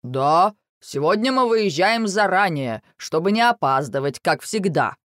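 A man's voice: on the high side, very animated, measured pace, no echo, studio quality. A man voicing a bossy, impatient sparrow father who brags about shortcuts. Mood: bossy, hurried. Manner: impatient, boastful. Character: bossy hurried sparrow dad, middle-aged.

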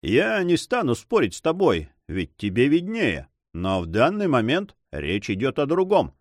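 Man playing a calm, resolute buccaneer leader. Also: mid-range voice, measured pace, dry recording, studio quality. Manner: composed, wry.

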